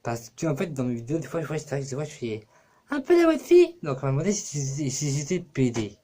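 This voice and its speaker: A man's voice: medium pitch, fast talker, warm tone. Guy rambling to his camera, swears a lot, tons of um and like. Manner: rambling, profane, full of fillers. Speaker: YouTuber. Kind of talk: casual talk to camera.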